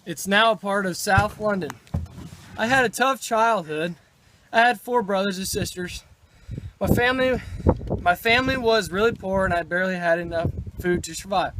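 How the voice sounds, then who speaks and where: A man's voice: high voice, normal speed, noisy background, natural voice. A man playing a proud 19th-century chemist for a school project, reciting his life story plainly. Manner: recited, plain self-introduction. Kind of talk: school project role-play.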